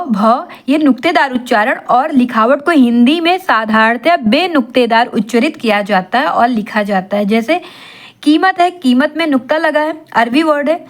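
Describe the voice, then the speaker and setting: A woman tutoring for an exam in Hindi, asking rhetorical questions and answering them herself, mixing in English terms. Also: high voice. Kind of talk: classroom-style exam lesson.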